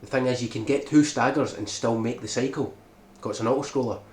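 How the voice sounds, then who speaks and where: A man's voice: mid-range voice, fast talker, a little mellow. A man narrating a game tutorial, walking through a speedrun strategy and often checking in with "right?". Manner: explanatory, keeps checking in with "right?". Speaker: speedrun guide maker. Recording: echoey room with background noise.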